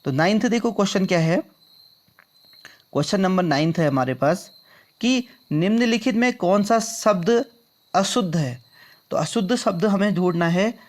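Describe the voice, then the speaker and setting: Man going through exam questions, higher-pitched. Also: lively intonation, normal speed, pauses often. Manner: drills answers by repeating them back as questions; addresses viewers as friends. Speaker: exam prep teacher. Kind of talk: explaining quiz answers.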